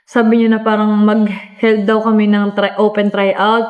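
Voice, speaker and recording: A woman's voice: on the high side, phone-quality sound. A woman in her twenties, a volleyball player, telling her story in a casual interview in an earnest, chatty way, with many fillers and polite address to the interviewer. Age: 20s.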